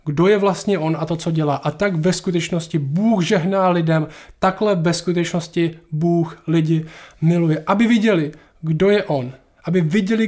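Man, somewhat high voice, earnest and explanatory; reads scripture and answers listener questions. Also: a little mellow. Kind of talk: Bible reading and explanation.

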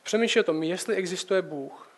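High-voiced young man preaching casually. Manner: conversational, direct address with rhetorical questions.

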